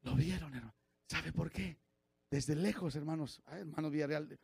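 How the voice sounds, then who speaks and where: A man, preaching a sermon as pastor, swinging from shouted preaching to low confiding asides. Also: normal speed, gravelly, husky, no room sound.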